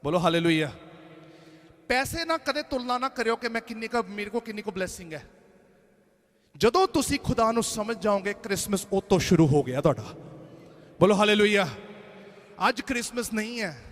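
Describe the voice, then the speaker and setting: A man with a Punjabi accent preaches to his congregation, slipping between Punjabi and English. His voice sits very high and sounds bright and forceful as he calls out for hallelujahs. The sound carries a long reverb from the church hall. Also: animated, fairly quick, pauses often. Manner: loud call-and-response preaching, calling for hallelujahs; mixes Punjabi with English phrases. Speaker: pastor. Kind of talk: energetic Christmas sermon.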